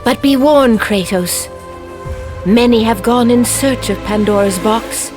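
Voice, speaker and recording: Casting: an ominous oracle, very slow, measured delivery, loud score behind. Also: female voice, a little high, over music. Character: mysterious female oracle, ominous and knowing. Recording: game cutscene with loud score.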